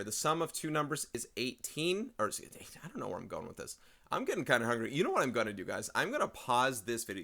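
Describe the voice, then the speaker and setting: A man teaching a casual video math lesson, talking through problems aloud in a chatty, rambling way. His voice sits a little low with a gravelly, bright edge, and he clears his throat now and then at a desk mic. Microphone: desk microphone.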